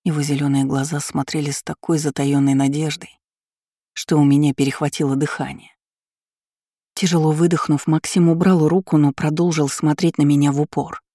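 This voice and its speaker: A man reading a first-person novel aloud in a steady, measured way. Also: on the high side, dry recording, studio quality. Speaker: audiobook reader.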